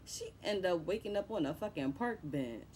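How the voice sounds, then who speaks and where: A woman's voice: lowish voice, expressive, moderate pace, a little mellow, slight background noise. A young woman casually recapping a movie plot in loose, profane slang. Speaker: movie reviewer.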